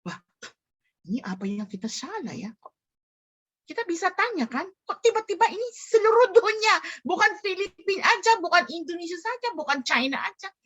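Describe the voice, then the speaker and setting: A middle-aged woman giving a lively church talk, telling funny stories, acting out the people in them, and slipping English phrases in. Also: very high voice, moderate pace. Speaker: church speaker.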